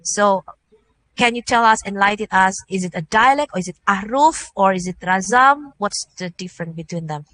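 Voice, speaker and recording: A woman hosting a discussion, briskly putting pointed questions to guests and summing up their answers. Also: medium pitch, fairly bright tone, no room sound. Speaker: host and interpreter. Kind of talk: moderating a discussion.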